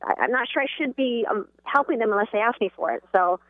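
A woman's voice: fairly high pitch, dry recording. Lady caller on a radio show, keeps restarting her sentences, narrow phone sound. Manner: halting, unsure, with restarts. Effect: phone call heard on a radio show. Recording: tinny phone line.

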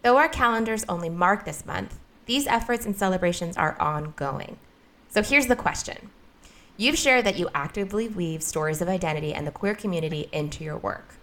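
A woman's voice: on the low side, animated, brisk, a bit bright. A woman moderating a panel, upbeat and encouraging as she introduces questions.

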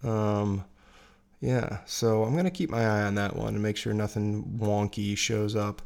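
A man's voice: on the low side, steady tone, unhurried, gravelly, a little mellow. A man hosting a casual, rambling solo chat in an informal way, sounding far from a dangling microphone. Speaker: host. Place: seated at a piano. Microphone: dangling microphone, away from the mouth. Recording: voice distant from dangling mic, music.

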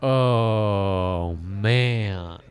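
A man's voice: fairly low pitch, drawn-out words. An American man co-hosting a sports betting show, bantering casually with agreeable, slangy, often repeated short reactions.

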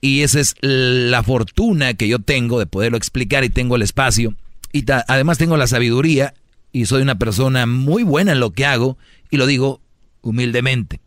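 A man's voice: mid-range voice, moderate pace, a bit bright, dry recording, studio quality. A man hosting a radio advice show, preachy and joking in a boastful way. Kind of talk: comic advice talk with callers.

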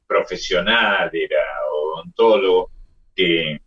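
A man, a radio host chatting casually and reminiscing in an unhurried way. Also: low voice, a bit bright. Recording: dull sound, distant mic.

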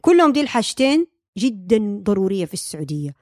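A young woman talks quickly and explains her field as a guest, with fillers and restarts and English terms mixed in. The sound is dry and close. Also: mid-range voice, sing-song, a little mellow, no room sound. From Saudi Arabia. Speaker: speech-language pathologist guest. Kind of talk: casual podcast interview.

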